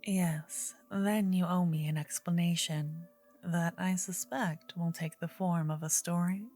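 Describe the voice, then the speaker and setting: A woman plays an earnest, gentle druidess in a fantasy ASMR role-play. The female voice is soft and rather low, moving between breathy soft voice and murmur. Delivery is very slow and intimate, with pauses, over quiet music. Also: steady tone. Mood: relieved, warm. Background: soft medieval ambience and music.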